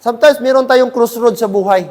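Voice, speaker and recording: A man's voice: extremely high pitch, a little fast, darkish tone, big-room sound. A man with a Filipino accent preaching a sermon as pastor, switching between Tagalog and English and often calling out to the congregation. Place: church.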